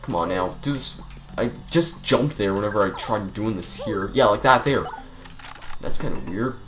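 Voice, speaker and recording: A man's voice: fairly low pitch, normal speed, a bit bright. A young man giving casual, rambling commentary over a video game, chatty and full of fillers. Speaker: let's play commentator. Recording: faint game music behind.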